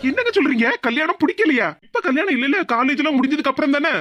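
A woman voicing a proud young office-working groom with a Kanyakumari Tamil accent in an animated cartoon. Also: mid-range voice, no echo, dull audio, faint music behind, lightly acted. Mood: indignant. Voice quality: quick, indignant.

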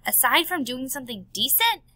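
A woman's voice: high-pitched, big pitch swings, brisk, bright, forceful tone, no room sound, heavily acted, poor audio. A woman voicing an earnest male elephant scientist and worried father in an audiobook. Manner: earnest, pleading.

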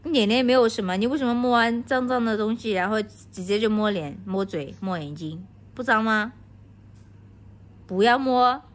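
A woman's voice: on the high side, moderate pace. A woman from Anhui scolding her toddler at home, repeating baby talk. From Anhui, China.

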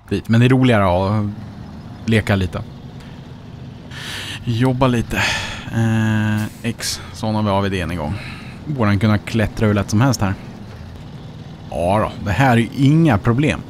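A man's voice: fairly low pitch, darkish tone, slight background noise. A man with a Swedish accent giving casual let's-play commentary, chatting and muttering to himself as he plays. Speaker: gaming YouTuber.

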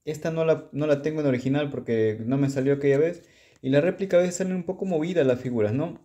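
Mellow-voiced man showing stickers. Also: a little high, fast, highs cut off. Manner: chatty, stumbles over foreign player names. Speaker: sticker collector vlogger. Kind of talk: casual show-and-tell.

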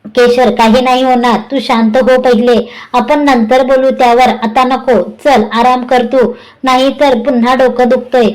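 A woman reading the lines of a caring young husband who scolds and teases his wife, in her own high voice. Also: level tone, measured pace, a little mellow, low-quality recording. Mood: worried, scolding. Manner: scolding and teasing.

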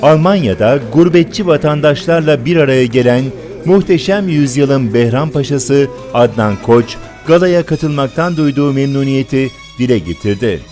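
A man's voice: medium pitch, animated, normal speed, a little mellow. A man reading a scripted event report as a voice-over narrator. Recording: voice-over with clear music behind. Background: music.

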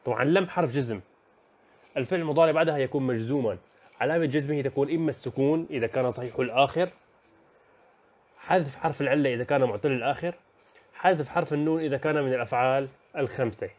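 A man teaching, running briskly through the topics of a lesson and pausing on fillers and self-corrections. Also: medium pitch, darkish tone. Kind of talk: lesson overview.

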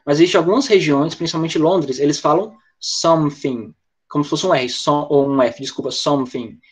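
Talking fast in a husky voice on the high side, a Brazilian Portuguese-accented man leads an online English lesson. He explains points, reads the chat aloud, and responds to students by name, all over lo-fi, dull-sounding audio.

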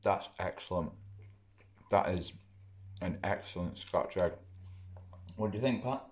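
Young guy, lowish voice, chatty home food vlogger, talks while chewing. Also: a little slow, darkish tone. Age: young adult. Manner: chatty, rambling, mouth often full while chewing. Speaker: food reviewer. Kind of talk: casual food review vlog. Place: living room at home, indoors. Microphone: camera close in front.

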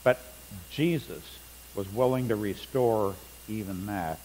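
Slow and darkish in tone, a fairly low-pitched middle-aged pastor reads scripture with building emphasis during a sermon in a church sanctuary. There's a long reverb from the church and a faint hum.

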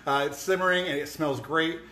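A man's voice: on the high side, normal speed, sharp tone. Rambling man hosting a home cooking show. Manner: rambling, many fillers and restarts. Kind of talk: casual cooking talk to camera. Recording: echoey room.

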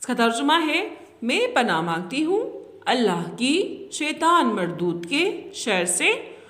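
Woman teacher, high voice, patient nursery Quran lesson, roomy long-reverb sound. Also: very animated, takes it slowly. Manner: patient, repeats "thik hai" often; speaks gently to small children. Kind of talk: children's Quran reading lesson.

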